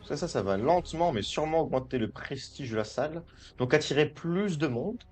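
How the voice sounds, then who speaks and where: A man's voice: a little high, expressive, a little fast, a little mellow, faint music behind. A young man rambling and joking as he comments on a management game, often stumbling over his words and restarting. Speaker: gaming video creator. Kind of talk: casual gameplay commentary.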